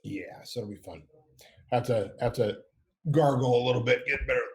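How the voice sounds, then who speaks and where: A man's voice: medium pitch, moderate pace. A middle-aged man hosting a casual podcast, rambling and upbeat, often correcting himself as he goes. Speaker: podcast host. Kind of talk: casual chat.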